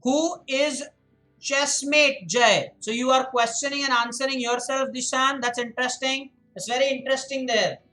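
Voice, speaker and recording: A male chess coach speaks briskly with an extremely high pitch, a sharp tone, fairly even intonation and hardly any pauses, over soft background music on poor audio. During his live-stream lesson he explains moves, corrects students by name, repeats points to drill them in, and reads out the chat to answer it.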